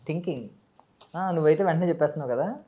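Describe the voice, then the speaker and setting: A woman hosting a casual chat interview with a young guest. Her voice sits low for a woman, and she fires off her questions rapidly. She teases him playfully and slips English words into her talk. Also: warm tone, slight background noise.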